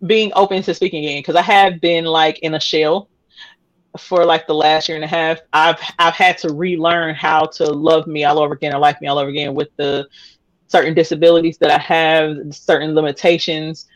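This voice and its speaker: A woman's voice: deep voice, little pitch movement, brisk, no echo, highs cut off. A woman in her thirties, a podcast guest telling her story candidly, rambling with many fillers and restarts and laughing often. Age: 30s.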